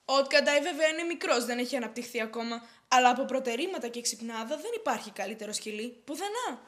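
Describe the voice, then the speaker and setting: A woman playing a young landowner's daughter who argues excitedly, in a stage play. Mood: argumentative. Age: young adult. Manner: shrill, argumentative, excitable.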